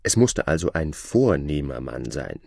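A man reading a fairy tale aloud in an expressive storytelling voice. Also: very deep voice, unhurried, vocal fry, no echo, studio quality. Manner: expressive, animated narration.

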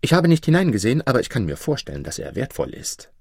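Eager young thief, lively and sly, in a dry close recording, voiced by a man narrator. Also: mid-range voice, quick pace, gravelly, dry recording, pitched above the performer's own voice, full character voice. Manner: excited, pleading.

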